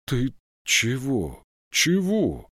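A man voicing a frightened old woman moonshiner who wails and pleads in a high, strained voice. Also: huge pitch swings, very slow, a bit bright, no echo, studio quality, full character voice. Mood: indignant. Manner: wailing, pleading.

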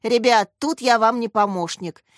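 Woman narrator doing a subdued, bookish schoolboy, rueful tone, fairly high, dry read. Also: normal speed, no echo, close to an everyday voice. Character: chess-loving boy Lyonka, bookish and glum.

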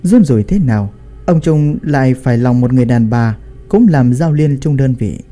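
A man narrating a family story in an expressive storytelling style. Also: medium pitch, moderate pace, faint music behind.

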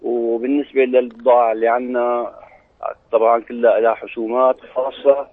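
Husky Syrian craftsman on radio. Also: mid-range voice, level tone, a little fast, no echo. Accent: Syrian Arabic. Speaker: brocade craftsman being interviewed. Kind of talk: live radio interview answers. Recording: muffled narrow-band radio line.

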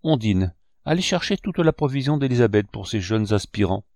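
A man reading the lines of a kindly, grave painter who is an uncle, in a gentle, fatherly manner. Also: lowish voice, big pitch swings, normal speed, no echo, studio quality.

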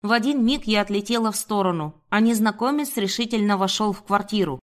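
Female audiobook narrator, measured first-person delivery. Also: medium pitch.

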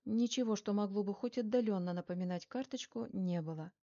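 Woman narrator, audiobook, measured storytelling, mellow voice, lo-fi audio. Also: medium pitch. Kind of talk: scripted first-person narration.

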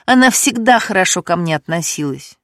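A woman voicing a tearful, desperate young fiancée who pleads in a high, crying voice in an audiobook. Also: expressive, fairly quick, fairly bright tone, no room sound, studio quality. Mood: pleading.

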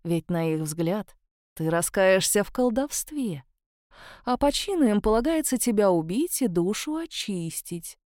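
A woman voicing a sardonic female ghost of a dead woman, speaking low and mocking, in an audiobook. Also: expressive, unhurried, darkish tone, dry recording, clean studio sound, natural voice. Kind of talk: audiobook character voice.

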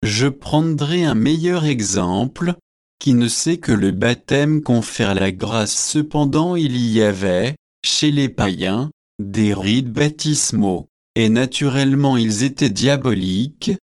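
A man reading an eager young student, slow. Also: mid-range voice, lively intonation, a little mellow, dry recording, studio quality. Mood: arguing. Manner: slow, measured delivery.

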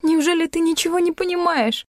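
A woman reading an audiobook, voicing a young woman screaming accusations in shrill, tearful outbursts. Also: normal speed, warm tone, no echo, clean studio sound. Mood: tearful hysterical.

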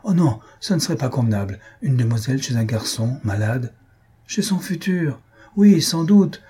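A man's voice: mid-range voice, lively intonation, moderate pace, mellow, breathy edge. A man reading aloud and voicing a lazy, gluttonous young man who speaks in a languid, feeble voice. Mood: evasive.

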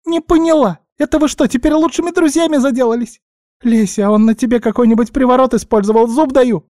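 A man voicing a bossy, excitable female magic guinea pig familiar in an audiobook, loud and scolding. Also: very high-pitched, a little fast, no room sound, clean studio sound, voice pushed up. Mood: indignant. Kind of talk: audiobook character voice.

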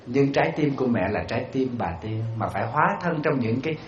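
In a roomy, slightly dull hall recording, a man gives a storytelling dharma talk as a Buddhist monk. He speaks at a medium pitch and fast, animated as he acts out quoted voices and throws rhetorical questions at his audience.

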